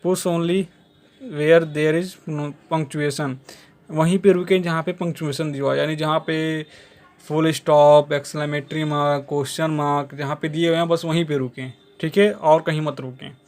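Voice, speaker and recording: A man, teaching a school exercise. He reads the lines slowly, then explains them in Hindi, often adding a checking filler. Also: fairly high pitch, fairly even intonation, darkish tone. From India. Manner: keeps adding a checking "theek hai" as a filler.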